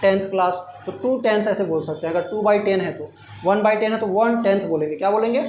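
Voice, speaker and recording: A middle-aged man teaching math speaks a little fast in a high-pitched, slightly mellow voice. He asks his students questions and answers them himself in call-and-response style. The clip has an echoey classroom sound with a faint hiss.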